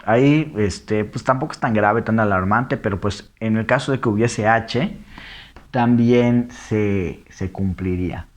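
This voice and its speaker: A man explaining diction errors in a lesson, reading example phrases slowly and then quickly. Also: fairly low pitch. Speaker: teacher. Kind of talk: lecture on diction.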